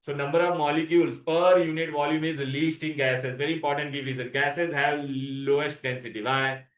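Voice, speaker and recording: Male teacher, Indian accent, bright forceful voice, roomy echo. Question-led classroom delivery, English with Hindi words mixed in. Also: on the high side, fairly even intonation, normal speed. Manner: asks frequent questions, prompting for answers. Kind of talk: interactive classroom science lesson. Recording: echoey, roomy sound.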